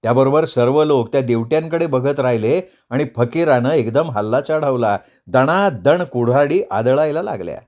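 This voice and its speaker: Male storyteller, scripted audiobook narration, dramatic delivery, mid-pitched voice. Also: animated, moderate pace, hardly any pauses, a little mellow.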